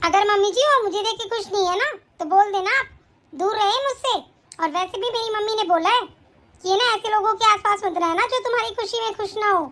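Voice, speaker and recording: A woman's voice: extremely high pitch, a little fast, fairly bright tone. A woman voicing a sneering spoiled young wife. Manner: whiny, sneering. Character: pregnant young daughter-in-law, spoiled and mocking. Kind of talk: animated family drama voice acting.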